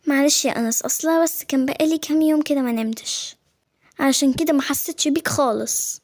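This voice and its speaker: A woman's voice: sits high, quick pace, voice pushed down, close to an everyday voice. Woman voicing a tired caring mother. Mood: puzzled. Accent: Egyptian.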